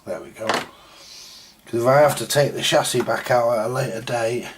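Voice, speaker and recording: Over some background noise, a British presenter fixing old radios keeps up a relaxed, hands-on running commentary, muttering and mildly complaining to himself. His pitch is medium and his speed normal.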